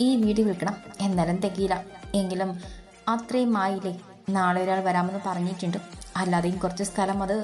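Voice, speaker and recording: A woman's voice: mid-range voice, level tone, a little fast, darkish tone, soft background music, lightly acted. A woman voicing a young husband weighed down by debts, speaking in a hesitant, evasive way. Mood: strained.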